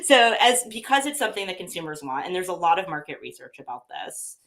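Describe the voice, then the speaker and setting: A pet food company representative chats casually in an interview about how her company sources its meat, with many fillers and restarts and a bit of sniffling. Her voice is fairly low and sing-song, quick, with a fairly bright tone.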